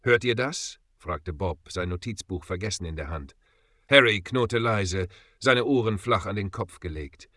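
A man narrating a dark adventure story with dramatic emphasis. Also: low voice, unhurried, no room sound. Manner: dramatic, rising and falling emphasis.

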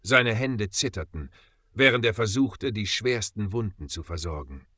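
A man narrating a dark adventure audiobook in a grave, dramatic storytelling manner. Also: on the low side, animated, a little slow, dry recording, studio quality.

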